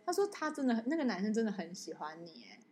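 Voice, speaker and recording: A young woman talks in a fairly high voice, racing along as she tells a story in casual podcast chat. She acts out what others said to her and keeps it lively. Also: quick pace, a little hiss or hum. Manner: animated storytelling, acting out quoted voices. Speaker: podcast co-host.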